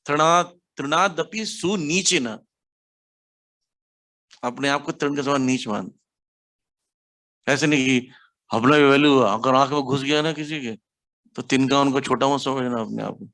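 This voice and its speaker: A man's voice: measured pace, long pauses. A man from India giving a devotional class, telling stories animatedly and mixing English words into his speech. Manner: animated storytelling, acts out quotes with sharp pitch jumps. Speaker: preacher.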